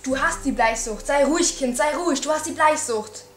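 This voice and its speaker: Amateur drama: young woman playing an anxious, reproachful mother, high-pitched and insistent, in an echoey room with faint music. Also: a little fast, fairly bright tone. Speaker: amateur actor.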